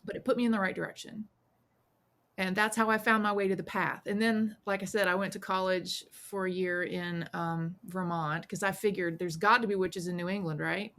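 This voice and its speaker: A woman in her forties, a podcast guest, telling her story in a relaxed chat and acting out the voices of people she quotes. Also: on the low side, normal speed. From South Carolina, US. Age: 40s. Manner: animated storyteller who acts out quoted voices. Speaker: podcast guest, witch and priestess. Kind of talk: casual storytelling interview.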